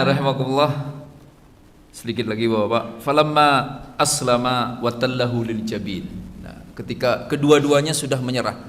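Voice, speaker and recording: A man giving a casual sermon and Quran lesson to fathers, animated and joking, acting out little dialogues. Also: medium pitch. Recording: reverberant hall with faint ambient noise.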